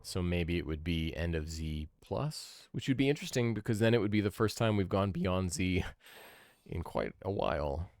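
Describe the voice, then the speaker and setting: A game streamer and podcast host in his thirties thinks aloud into a close mic, giving casual, conversational commentary on his gameplay. His low voice is expressive and darkish, at a moderate pace, with no echo.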